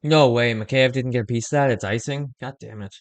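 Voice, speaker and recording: Brief: young male fan host, chatty play-by-play, close dry sound, mid pitch. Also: fairly quick, dry recording. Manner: conversational, reacts excitedly to plays, uses fillers like "like". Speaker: host of a fan watch-along stream. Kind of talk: casual live play-by-play and chat.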